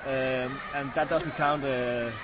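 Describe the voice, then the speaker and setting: A man's voice: mid-range voice, fairly even intonation, slow pace. A young man from Sri Lanka, interviewed outdoors at a demonstration, speaking hesitantly with many fillers and restarts. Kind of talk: street interview. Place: outdoors on a city street. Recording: tinny lo-fi recording with loud street noise.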